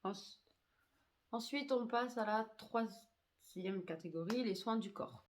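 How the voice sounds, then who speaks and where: A beauty vlogger with a fairly high voice talks slowly and chattily as she reviews beauty products she has used up, her speech full of hesitations and fillers.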